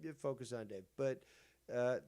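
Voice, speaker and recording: A man's voice: mid-range voice, moderate pace, dark tone. A man hosting a livestream, announcing in a theatrical way and swearing crudely. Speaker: stream host. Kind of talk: livestream drama talk.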